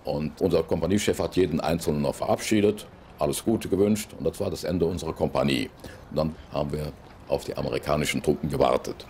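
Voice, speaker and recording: A man's voice: extremely low pitch, dark tone, a little hiss or hum. A man in his eighties from the Rhineland, with a Rhineland accent, telling his memories plainly in an interview at home. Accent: Rhineland German. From Rhineland, Germany. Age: 80s. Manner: plain, unhurried storytelling with small tags. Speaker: eyewitness interviewee. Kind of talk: recollecting in an interview. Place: living room at home, indoors.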